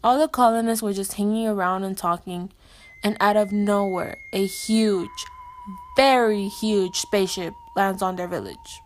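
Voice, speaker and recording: A woman's voice: medium pitch, a little slow. A woman narrating a jokey homemade story in a sarcastic, playful way.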